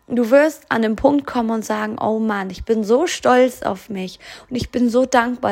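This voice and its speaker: A woman's voice: a little high, darkish tone. A woman hosting a motivational podcast, earnestly encouraging the listener and speaking to them directly. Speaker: podcast host and coach.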